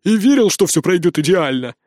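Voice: medium pitch, very animated, fairly quick, darkish tone, no room sound, lightly acted. Reader as a cornered ladies' man, rattled and stammering, close and dry. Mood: flustered. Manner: flustered, pleading. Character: panicky boastful young man.

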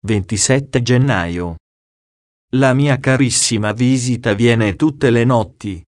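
A man reads a diary aloud in a slow, deliberate, solemn way. His voice sits at an ordinary middle pitch, and the recording is close and dry, with no room sound. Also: no room sound. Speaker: audiobook reader.

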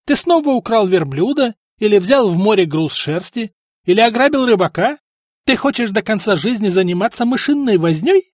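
An earnest young Slavic man, as a male audiobook reader puts him on, calm and steady. His voice sits high and swings lively. The sound is dry and close. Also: normal speed, no room sound. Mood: insistent.

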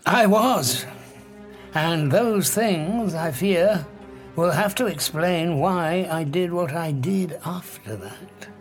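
An actor with a British accent playing a proud, haunted fugitive scientist, theatrical and formal, in an audio drama. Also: male voice, on the high side, slow pace, faint music behind. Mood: grave, haunted.

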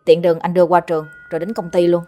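A woman reading the lines of a caring older brother in her own voice, brisk and reassuring. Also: fairly low pitch, little pitch movement, mellow, faint music behind, lightly acted.

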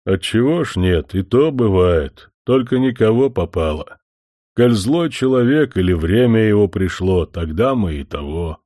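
A man voicing a young male forest spirit who speaks slowly and solemnly, a little louder than his narration. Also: lowish voice, lively intonation, no room sound, studio quality. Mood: earnest. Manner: slow, deliberate, solemn.

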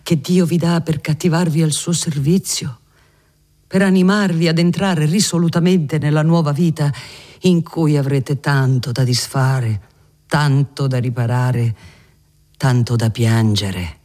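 A man voicing a gentle, fervent elderly cardinal who speaks with earnest tenderness. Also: on the high side, steady tone, measured pace, close to an everyday voice. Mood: solemn.

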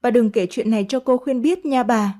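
A woman's voice: fairly high pitch, normal speed, mellow, close to an everyday voice. A woman voicing a fawning teenage servant girl who sweet-talks in a coaxing, sugary way. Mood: pleading.

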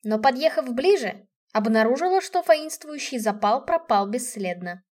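A woman reads a first-person story aloud with lively expression. Her voice sits fairly high. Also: normal speed. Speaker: audiobook narrator.

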